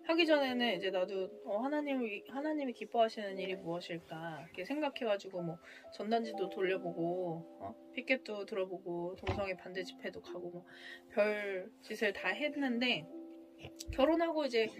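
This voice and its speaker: A woman calmly explaining a Bible passage and sharing her experience at a home worship. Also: medium pitch, moderate pace. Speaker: family worship participant. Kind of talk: Bible reading and discussion. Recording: music playing underneath.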